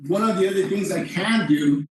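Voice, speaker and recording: A man's voice: high-pitched, moderate pace. A man teaching a jiu-jitsu class, explaining moves step by step in an informal way as he demonstrates. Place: indoor training room. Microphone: distant camera microphone. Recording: distant mic, very echoey room, faint noise.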